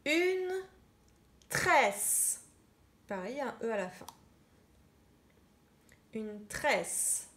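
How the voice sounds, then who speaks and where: A woman teacher giving children a slow spelling dictation, repeating each word and spelling it out. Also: medium pitch. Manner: slow, deliberate, spells out words and repeats them. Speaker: primary school teacher.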